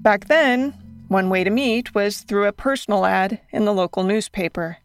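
A woman's voice: medium pitch, normal speed. Woman narrating a true story over music. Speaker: podcast host and narrator.

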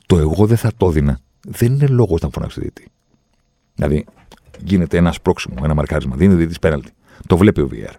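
A man's voice: low voice, lively intonation, vocal fry, pauses often, mellow, no room sound. A man explaining football refereeing rules in an opinionated monologue, insistent and given to acting out what others say. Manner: explains rules insistently, acts out quoted voices. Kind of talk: opinionated talk-show monologue.

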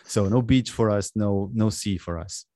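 A man hosting a conversational interview in an underground studio, speaking haltingly and repeating words. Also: on the low side, dark tone, no room sound. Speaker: podcast host and interviewer. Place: underground bunker-like studio in Lisbon.

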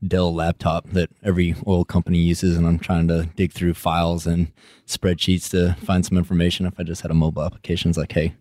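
Male podcast-style interviewer, West Texas accent, low voice, flat intonation, blunt and informal chat. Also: brisk, dry recording, studio quality. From West Texas, United States. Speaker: interview host.

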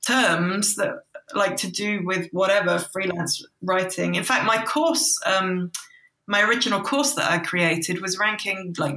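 Casting: woman guest, loose chatty delivery, bright tone, roomy echo. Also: mid-range voice. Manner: chatty, laughs often, filler-heavy. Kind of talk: casual podcast chat.

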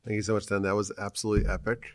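A man hosting a religious podcast discussion, earnest and halting, with many restarts. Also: lowish voice, little pitch movement, no room sound, studio quality. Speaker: rabbi podcast host.

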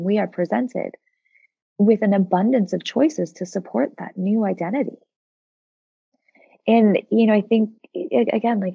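A woman's voice: mid-range voice, vocal fry, slightly rough, no room sound, dull audio. A woman of forty, a coach and former psychologist, speaking as a podcast guest in a reflective, earnest way with many fillers. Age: 40s. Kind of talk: casual podcast conversation.

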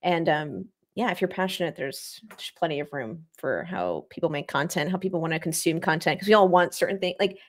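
A young woman, a motorsport streamer, chatting as a guest in an interview, bubbly and animated as she tells stories. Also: fairly low pitch. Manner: bubbly, animated storytelling with quick asides. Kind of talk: casual interview chat.

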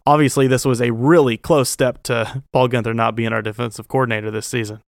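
Here a twenty-something sports fan show host talks football bluntly and emphatically, informal and opinionated with mild slang swearing. His mid-range voice is gravelly and fairly quick, with fairly even intonation, recorded clean in the studio with no echo.

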